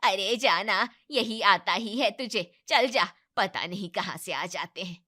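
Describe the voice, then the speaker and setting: A woman voicing a boastful, quarrelsome neighbour in an animated family drama, speaking in a taunting, defensive way. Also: mid-range voice, a little slow.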